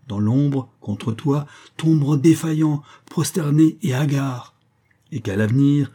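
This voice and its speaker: Young male poet, bold and cunning, impassioned pleas, dark husky tone; a man reads the part. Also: medium pitch. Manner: impassioned and defiant pleading. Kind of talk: audiobook reading.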